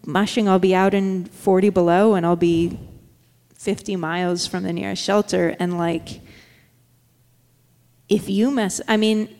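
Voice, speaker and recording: A woman talks casually and quickly as an interview guest. She fills her speech with fillers and restarts. Her voice carries a long reverb tail. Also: mid-range voice, steady tone, a little mellow. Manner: quick, chatty, many fillers. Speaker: guest, dog musher.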